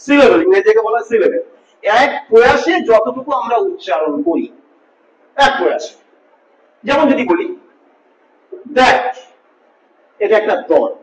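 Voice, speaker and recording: Very high-voiced male teacher, echoey and distant. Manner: patient, repeats points, asks students questions. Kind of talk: classroom grammar lesson. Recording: echoey room, distant mic, dull lo-fi.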